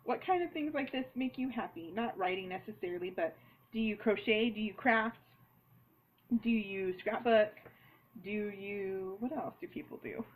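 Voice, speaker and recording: A woman's voice: mid-range voice, moderate pace, rough recording. A woman author chatting casually and rambling a little as she writes, laughing at herself now and then. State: has the hiccups. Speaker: author vlogging a write-along. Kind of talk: casual chat while writing.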